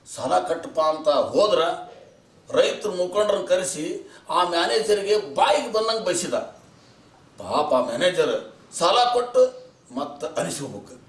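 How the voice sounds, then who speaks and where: An actor playing a sly, preachy middle-aged village fixer who lectures in a North Karnataka Kannada accent. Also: male voice, a little high, big pitch swings, moderate pace, pauses often. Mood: lecturing. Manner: lecturing, patronizing, coaxing. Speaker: influential villager with bank contacts. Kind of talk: village short film acting. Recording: roomy distant mic with music.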